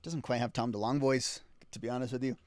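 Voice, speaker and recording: A man in a mid-pitched voice hosts a casual music podcast. He talks chattily, jumping from excited bursts to hushed asides, recorded close and dry. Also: quick pace, no room sound. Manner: chatty, swings between excited and quiet asides. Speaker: podcast host.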